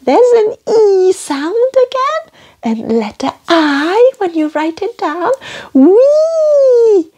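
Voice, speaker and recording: A woman's voice: sing-song, slow, a little mellow. A woman with a Geordie accent teaching French sounds to children in an exaggerated, sing-song way. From northeast England. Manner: exaggerated, sing-song delivery with big pitch leaps. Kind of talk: slow, animated lesson for children.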